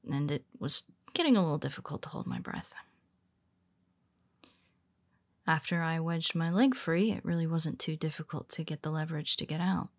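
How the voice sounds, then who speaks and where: Her voice sits low as she voices a mighty, outspoken superhero hiding a vulnerable side in a close, intimate audio roleplay. The delivery is conversational and broken by hesitant asides, and her mood is exasperated.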